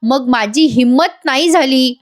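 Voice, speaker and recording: A woman voicing a drunk, self-pitying young man who talks slowly and mixes in Hindi words. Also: high-pitched. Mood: tipsy rambling. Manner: slow, slurred, mixing in Hindi words.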